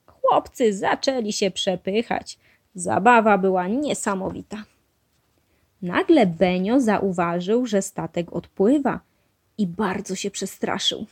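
Woman reading a kids' book out loud, slow and clear, mid pitch. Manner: clear and measured. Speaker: storybook reader. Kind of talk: children's story read-aloud.

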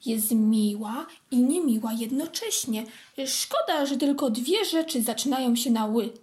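A woman's voice: on the high side, expressive, measured pace, a little mellow. A woman voicing a curious, easily offended little male kitten in a children's story reading, childlike and eager.

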